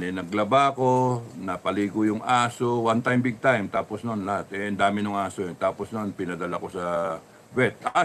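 A man speaks in a lowish voice and tells a personal story casually. He rambles and halts, often restarting his sentences. A faint noise sits behind him. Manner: rambling, halting, many restarts.

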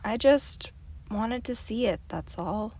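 A woman's voice: on the high side, expressive, takes it slowly, darkish tone, husky, pitched above the performer's own voice, exaggerated voice. A woman voicing an anxious teenage boy in an audiobook reading, speaking earnestly and hesitantly in a raised voice. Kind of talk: audiobook character voice.

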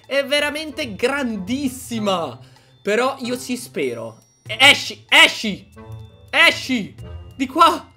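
A man giving excited gameplay commentary as a video host, energetic and playful, often shouting and yelping. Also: extremely high pitch, slow. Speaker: gaming YouTuber. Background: background music.

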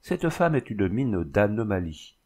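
A man's voice: lowish voice, big pitch swings, a little slow, darkish tone. A man voicing an irritable middle-aged neurologist who speaks in curt, sardonic grumbles. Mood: grumbling.

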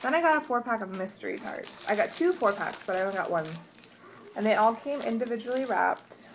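A woman's voice: on the high side, lively intonation, a little fast, noisy background. A young woman chatting casually through a haul video at home, rambling with many restarts and sounding stuffed up. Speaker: vlogger. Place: home, morning.

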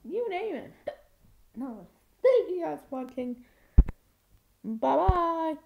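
A woman's voice: very high voice, sing-song, slow pace, creaky, lo-fi sound. A woman with hiccups reacting casually to clips, exclaiming and laughing as she watches. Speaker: video reactor.

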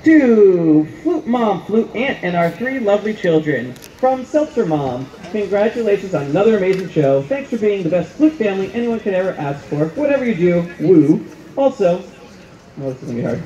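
A man announcing at a stadium, reading shout-out messages over the PA with playful, jokey asides. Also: sits high. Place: outdoor stadium at a band show. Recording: echoey lo-fi stadium PA with faint music.

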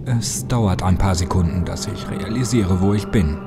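A man with a low-pitched voice reads a first-person horror story at normal speed as a dramatic narrator. His delivery is theatrical and drops into hushed whispers. Music plays behind his voice.

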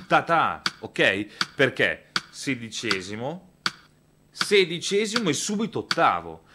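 A man's voice: mid-range voice, heavy background noise. A man in his thirties, a guitar teacher, talks casually through a lesson, counting beats and singing rhythms aloud. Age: 30s. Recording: loud guitar playing behind the voice. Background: electric guitar.

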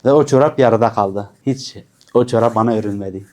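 Fast-talking man in his twenties. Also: lowish voice, darkish tone. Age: 20s. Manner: earnest, emphatic when making a point. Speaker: interview guest. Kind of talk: personal life story in an interview.

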